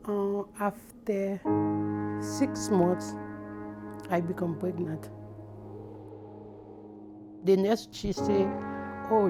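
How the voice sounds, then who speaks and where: A middle-aged Haitian mother speaks slowly in a voice on the low side, giving earnest personal testimony as a documentary interviewee. Her English has non-native phrasing, and instrumental music plays under her voice.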